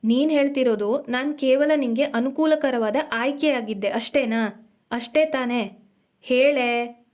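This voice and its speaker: Audio drama: furious, wounded young man hurling questions at his partner, high-pitched and fast, as a woman reader voices him. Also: a little mellow. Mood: hurt, angry. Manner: raised, reproachful questioning. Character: angry young man, hurt lover.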